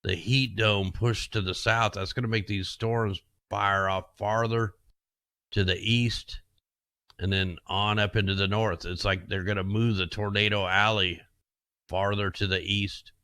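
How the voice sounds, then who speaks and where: A man's voice: fairly low pitch, steady tone, measured pace, sharp tone, dry recording. A man casually talking through weather maps as host, rambling and conspiratorial, with his voice getting worn. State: losing his voice. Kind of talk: casual screen-share commentary.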